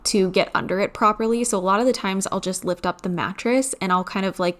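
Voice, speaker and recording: A woman in her thirties chatting through a home cleaning vlog. Her voice sits in a middle pitch, and she talks in a candid, slightly tired way. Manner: chatty, candid, a little weary. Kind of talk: casual vlog voice-over.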